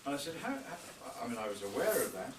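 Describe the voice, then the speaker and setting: Talking very fast, with lively intonation at a medium pitch, an older man gives a tribute speech at a birthday reception. His after-dinner anecdotes carry dry humour and a storytelling pace. The hotel function room sounds noisy, roomy and distant.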